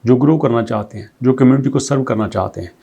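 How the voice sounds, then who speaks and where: The recording is muffled, and the man's medium-pitched voice sounds gravelly, mellow and husky as he speaks quickly. As a crypto news host, he reads English passages and explains the updates conversationally, rattling off rhetorical questions.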